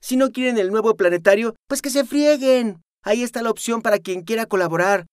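A man's voice: very high-pitched, fairly quick, smooth, no room sound, clean studio sound, voice pushed up. A man narrating an audiobook, voicing a sarcastic, taunting young woman. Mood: dismissive. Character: mocking, sharp-tongued young woman.

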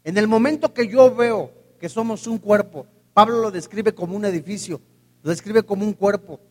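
A man's voice: high voice, moderate pace, a little mellow, long reverb tail. A man preaching a sermon emphatically, putting rhetorical questions to his congregation.

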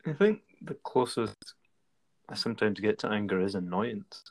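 Rambling man, fairly low voice. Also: expressive, normal speed. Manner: rambling, many fillers and restarts. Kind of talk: casual conversation.

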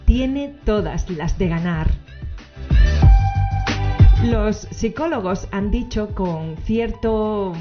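A woman's voice: mid-range voice, lively intonation, drawn-out words, long pauses. Woman podcast host, dull lo-fi recording. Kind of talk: solo podcast book summary, semi-scripted narration. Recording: dull lo-fi audio, faint music behind.

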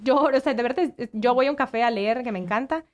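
A woman with a fairly high voice talks in a relaxed conversation. She works with children and explains her methods with lively acted-out examples. Her voice sits a little above the usual range for a woman. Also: fast. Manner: animated, acts out quoted voices. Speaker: guest, child educator. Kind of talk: casual conversation.

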